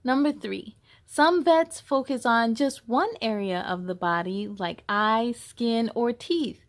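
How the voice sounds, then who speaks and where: A woman with a fairly high voice reads a picture book to children at a slow pace as host of a read-aloud story time. She brings it to life expressively, with questions and exclamations aimed at her young audience.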